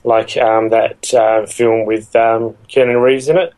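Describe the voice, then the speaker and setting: A man chatting casually as a podcast co-host, speaking in a hesitant, halting way with many fillers. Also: on the low side, level tone, darkish tone, rough recording. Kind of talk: casual chat about films.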